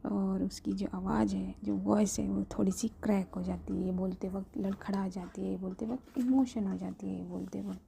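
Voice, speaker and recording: A woman storyteller narrating a love story in a soft whispered storytelling voice with casual asides. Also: medium pitch, fairly even intonation, normal speed, gravelly, hardly any pauses, a little hiss or hum.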